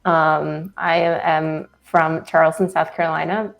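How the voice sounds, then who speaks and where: Offhand female co-host from Massachusetts, gravelly low voice. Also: flat delivery, a little slow, muffled recording. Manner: rambling, offhand. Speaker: designer advocate, co-host. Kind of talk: casual group livestream chat.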